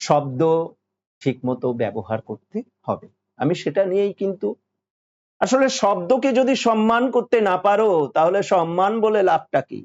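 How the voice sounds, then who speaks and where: A man with a Bengali accent giving a devotional sermon, slow and insistent, repeating phrases and singing verses. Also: high voice, lively intonation, muffled recording. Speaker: spiritual teacher.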